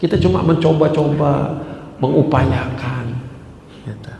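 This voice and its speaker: A man gives a dawn mosque sermon, speaking casually and personally with a slightly high, gravelly voice. He slows down to chant verses. The sound is a roomy, echoing mosque hall with a long tail and faint ambient noise. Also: warm tone. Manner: conversational, personal, chanting Arabic verses slowly. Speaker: preacher. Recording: echoey mosque hall with reverb.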